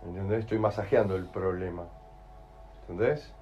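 A man with a Rioplatense Spanish accent giving an in-person talk to an audience. He tells stories with lively acted-out voices and keeps checking in with "¿entendés?". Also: low voice, normal speed, dull audio, soft background music. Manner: animated storyteller, acts out voices, keeps asking "¿entendés?". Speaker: speaker at a live talk. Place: room with a live audience.

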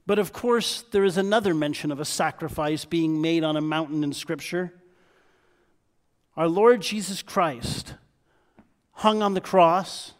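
Slow-speaking high-voiced male preacher. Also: fairly bright tone. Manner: emphatic preaching with repeated proclamations. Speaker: pastor. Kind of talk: sermon.

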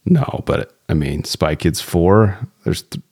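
A young man with a fairly low voice co-hosts a casual podcast. He reads listener reviews aloud in a relaxed way and often breaks into laughter as he goes. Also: takes it slowly. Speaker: podcast co-host.

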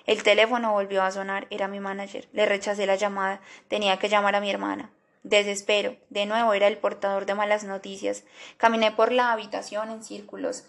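A woman narrating an audiobook in a somber, measured way. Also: medium pitch.

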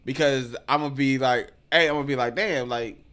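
A man's voice: medium pitch, fairly even intonation, moderate pace, fairly bright tone, smooth. A man co-hosting a podcast, talking bluntly in heavy slang in a casual chat. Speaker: podcast co-host.

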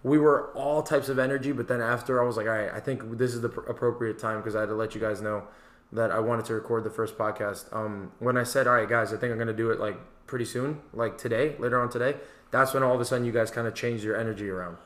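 A man hosting a casual podcast with friends, talking in halting starts and repeated words. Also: mid-range voice, fairly even intonation, a bit bright, reverberant. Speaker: podcast host. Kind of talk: casual chat.

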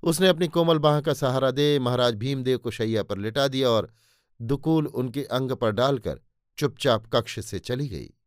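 A man reading a novel aloud as narrator, in a measured, literary manner. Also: mid-range voice, clear, resonant tone, dry recording, studio quality. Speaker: audiobook narrator. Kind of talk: scripted narration.

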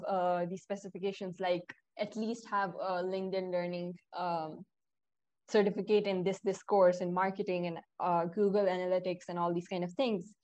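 A woman's voice: medium pitch, darkish tone, muffled recording. A young woman, hosting a casual podcast and chatting straight to her listeners, often correcting herself as she goes. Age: young adult. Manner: chatty, addresses listeners directly, self-correcting. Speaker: podcast host.

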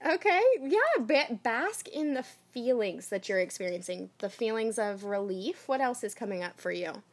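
Encouraging woman coach, gently directive. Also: medium pitch, expressive, normal speed. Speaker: life coach. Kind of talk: guided coaching session.

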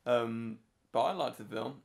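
Gravelly-voiced man co-hosting a podcast. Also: medium pitch, a little slow. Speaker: podcast co-host. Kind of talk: casual film podcast chat.

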